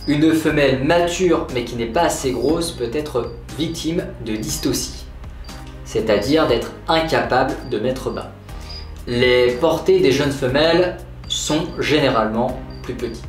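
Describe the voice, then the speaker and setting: A man giving a formal, instructive scripted narration in the style of a nature documentary. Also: mid-range voice. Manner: didactic, formal phrasing. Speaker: presenter of an animal care video. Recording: roomy echo, distant mic, background music. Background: music.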